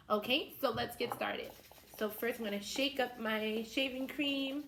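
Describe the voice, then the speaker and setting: A woman's voice: medium pitch, a bit bright, slight background noise, rough recording. A woman teaching young children step by step, in the manner of a kids show host. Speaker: children's teacher hosting a science activity.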